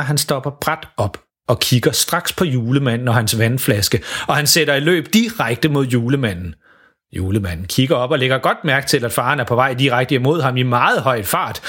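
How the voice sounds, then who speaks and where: A man narrating a children's Christmas story as an animated storyteller. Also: mid-range voice, husky.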